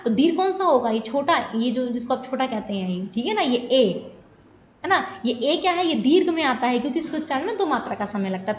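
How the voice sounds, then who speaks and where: A woman's voice: high-pitched, roomy sound, a little hiss or hum. A woman teaching an exam-prep lesson, explaining step by step, asking questions and answering them herself, and checking in with the students again and again. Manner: explains slowly, asks and answers her own questions, repeats "ठीक है ना". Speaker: Sanskrit teacher.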